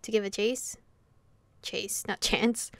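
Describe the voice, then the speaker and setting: Reading game text aloud in a visual novel playthrough, a woman reacts expressively and swears casually. Here her voice is medium-pitched and slow, in a dry recording.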